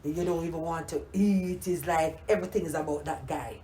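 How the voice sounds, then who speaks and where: A low-voiced older woman from Jamaica talks fairly quickly in a Jamaican accent, fondly reminiscing in a casual oral history interview. She repeats words and uses many "you know"s; the recording sounds roomy.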